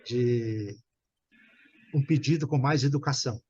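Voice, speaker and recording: Um professor de inglês brasileiro dando aula online, paciente, repetindo e conferindo se o aluno entendeu. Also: male voice, medium pitch, unhurried, mellow, breathy edge, dull audio. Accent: Brazilian Portuguese. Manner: patient, repeats and checks understanding. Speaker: English teacher. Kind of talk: online English class.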